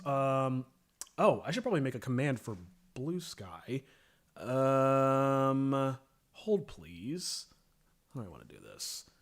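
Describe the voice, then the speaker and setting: Guy chatting on his animation stream, rambling, jokey, um and uh a lot. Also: mid-range voice. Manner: rambling, joking, lots of fillers. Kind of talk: casual livestream chat.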